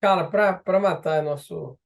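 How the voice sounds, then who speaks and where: A man hosts a casual interview and speaks in a relaxed, easygoing way. His voice runs slightly high, with a gravelly texture. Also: unhurried. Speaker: interviewer host.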